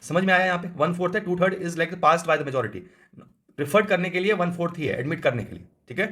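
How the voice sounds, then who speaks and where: A man with an Indian accent, an exam coaching teacher, working through quiz answers. He reads English text slowly, then explains in quick Hindi asides, and he corrects himself partway through. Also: on the high side, expressive, a bit bright. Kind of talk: quiz answer walkthrough lesson.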